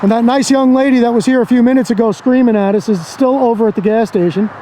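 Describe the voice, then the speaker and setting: A man in his fifties with an American accent and a strikingly high voice speaks in an earnest, casual way, like a videographer giving his views. He is recorded outdoors, with traffic and road noise clearly behind him. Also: fast. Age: 50s. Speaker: First Amendment auditor and videographer. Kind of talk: casual on-the-street talk and commentary to camera. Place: outdoors beside a busy road.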